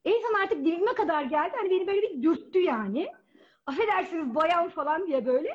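A woman telling a personal story at a live storytelling event, animated and acting out the voices of people she quotes. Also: very high voice, rapid-fire, slight background noise. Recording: dull lo-fi event recording.

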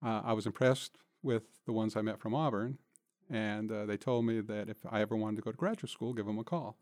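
Recorded in a studio with no room sound, this older man, a city manager close to retirement, is a guest answering an interview plainly and reflectively, like a conversation. His fairly low, darkish voice stays steady and moves briskly.

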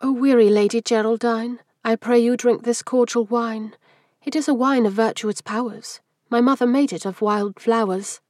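A man voicing a gentle, anxious young maiden in a dramatic poetry reading, speaking softly and pleadingly. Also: very high-pitched, fairly even intonation, normal speed, no room sound, clean studio sound, voice pushed up. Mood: tender.

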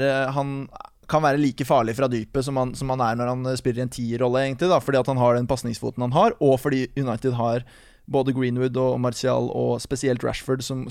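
A man chats on a fantasy football podcast with a gravelly, creaky voice. He sounds close and dry, with no room around him. He gets animated, laughs a lot and trips over his own sentences. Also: medium pitch, dry recording. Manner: animated, laughs often, stumbles and restarts. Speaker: podcast co-host. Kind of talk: casual chat about fantasy football.

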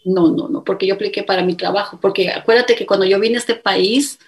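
A middle-aged woman telling her own story in a conversational interview, pausing on "eh" and restarting words. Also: mid-range voice, steady tone.

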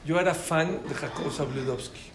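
A man with a Mexican accent giving a lively talk to an audience, asking them questions as he goes. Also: a little high, moderate pace. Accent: Mexican Spanish. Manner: animated, asks the audience questions. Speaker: lecturer giving a talk on listening. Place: room with a live audience. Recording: echoey room with faint ambient noise.

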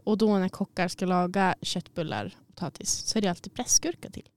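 A woman's voice: fairly low pitch, a little mellow. A woman co-hosting a podcast, chatting casually and a bit self-consciously, laughing easily. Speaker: podcast co-host. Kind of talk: casual chat. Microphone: studio mic.

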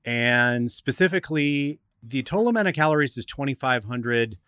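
A man's voice: mid-range voice, expressive, moderate pace, a bit bright, smooth, no echo, clean studio sound. A man hosting a radio talk show, explaining in an instructive, methodical way like a coach.

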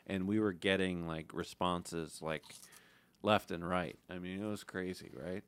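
Deep-voiced man chiming in, dry sound. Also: fairly even intonation, unhurried, fairly bright tone, clean tone, no echo. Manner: chimes in, explains, laughs often. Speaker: podcast co-host. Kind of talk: casual chat.

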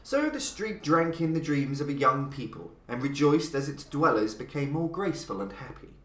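A man who hosts a podcast reads an old tale aloud as scripted storytelling narration, with measured, dramatic pacing. His pitch sits a little high and swings lively and widely from phrase to phrase. The room lends his voice a clear echo.

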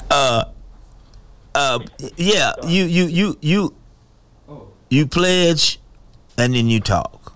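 A man hosting a radio call-in show, affirming callers and reading out the station's pledge number in a steady announcer manner. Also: on the high side, drawn-out words, long pauses, clean tone. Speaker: radio host.

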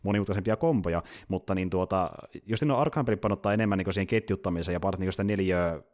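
Low-voiced man in casual podcast chat. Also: a little mellow. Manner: chatty, many fillers, laughs often. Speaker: podcast co-host. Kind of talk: casual chat about games and anime.

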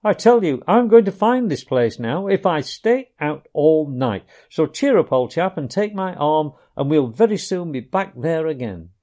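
A man's voice: a little high, very animated, pitched above the performer's own voice. A man doing a kindly, hearty rat. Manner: warm, coaxing, brisk.

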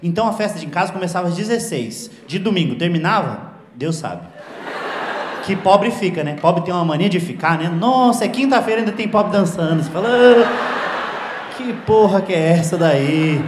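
A man performing stand-up comedy on a stage. He tells the story in an animated way, acts out the dialogue himself and uses crude slang. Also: high voice, brisk, noisy background. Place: comedy stage with live audience. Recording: roomy live venue sound.

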